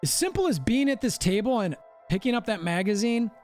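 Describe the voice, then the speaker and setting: Brief: male gaming host, high and very animated voice, exasperated commentary over quiet music. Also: fairly quick. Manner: animated, exasperated, repeats for emphasis. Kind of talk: gameplay commentary.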